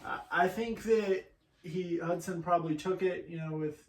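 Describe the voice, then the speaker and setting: A man co-hosting a podcast in casual chat, agreeable and quick to back up his partner. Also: sits high, recorded from a distance, a crowd in the background. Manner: agreeable, backs up his co-host. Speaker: podcast co-host. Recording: roomy sound from off-mic.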